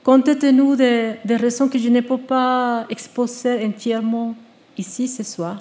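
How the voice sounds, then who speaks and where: A woman, reading a prepared testimony on stage in a measured, earnest way, with small restarts. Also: fairly high pitch, steady tone, a little mellow. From Venezuela. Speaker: exiled researcher giving a testimony. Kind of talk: prepared speech read to an audience. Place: stage at a live public event.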